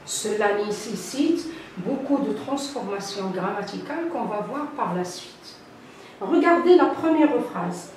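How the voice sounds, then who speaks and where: An older woman, a French teacher, giving a slow grammar lesson and repeating key terms deliberately. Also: medium pitch, expressive, a little mellow, a little hiss or hum. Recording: echoey room, voice from a distance.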